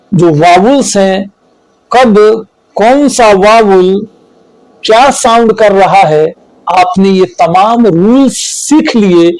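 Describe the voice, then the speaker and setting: A man teaching English spelling rules, slow and deliberate, repeating each rule and listing examples. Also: high voice, a little mellow, no room sound, rough recording. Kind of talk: spelling lesson explained in Hindi.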